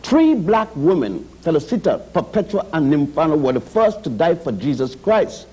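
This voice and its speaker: Husky-voiced man lecturing emphatically. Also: fairly high pitch, big pitch swings, moderate pace, dark tone, poor audio. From Puerto Rico. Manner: emphatic lecturing, spells out words. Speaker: guest historian. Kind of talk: TV studio discussion. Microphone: studio mic.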